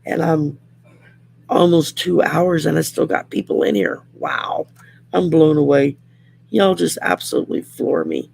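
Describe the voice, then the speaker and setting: A middle-aged woman with a raspy, worn whiskey voice hosts a casual live chat in an unhurried, rambling, plain-spoken way. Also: deep voice, animated, darkish tone, a little hiss or hum. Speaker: live show host.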